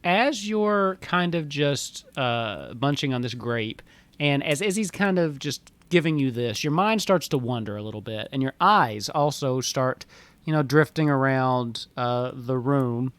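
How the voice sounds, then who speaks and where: A male game master talks players through a scene in a casual, halting way. His voice is mid-pitched, recorded dry and close. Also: expressive, fairly bright tone, no room sound. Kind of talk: casual tabletop game narration.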